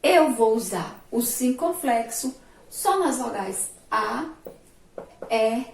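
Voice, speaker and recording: A woman with a Brazilian Portuguese accent teaching a remote class, asking her pupils questions and answering them herself, sounding out syllables slowly and loudly. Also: a little high, animated, creaky, recorded from a distance. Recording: roomy echo, voice from off mic.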